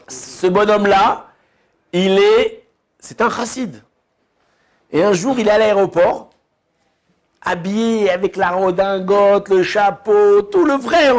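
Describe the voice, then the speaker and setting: A man giving an informal religious lesson as a rabbi, who speaks in a chatty way and keeps asking his listeners questions. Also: high voice. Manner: chatty, asks listeners questions, lots of restarts. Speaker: rabbi teaching a class.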